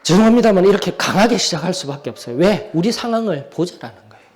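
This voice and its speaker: An earnest church teacher leads a Sunday Bible study, pressing the class with questions. The voice sits at a middle pitch and swings widely as the teacher urges the listeners on. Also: animated, fast talker, a little mellow. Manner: earnest, exhorting, asks the class rhetorical questions.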